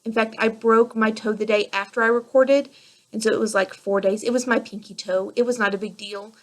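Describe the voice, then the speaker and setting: A woman's voice: a little high, fairly even intonation, a little fast. A woman in her thirties hosting a solo podcast, chatting in a rambling, enthusiastic way. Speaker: podcast host. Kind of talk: casual solo podcast chat.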